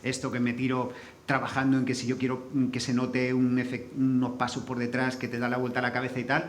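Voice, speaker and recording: A man with a Castilian accent from Spain speaks informally on a panel as a sound designer, telling anecdotes in colloquial language and swearing freely. His mid-range voice is monotone and fast. The indoor forum venue sounds echoey, with faint background noise.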